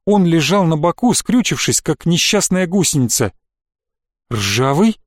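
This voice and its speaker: Brief: male audiobook narrator, expressive, high voice, very dry close sound. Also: moderate pace, dry recording. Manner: lively, expressive storytelling. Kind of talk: scripted first-person narration.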